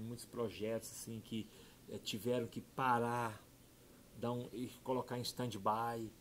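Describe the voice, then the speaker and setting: A middle-aged pastor shares a heartfelt testimony in a conversational interview. His voice sits at an ordinary pitch and moves between hushed, low passages and loud, excited bursts. A faint noise runs under the recording. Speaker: pastor and podcast guest. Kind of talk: emotional personal testimony.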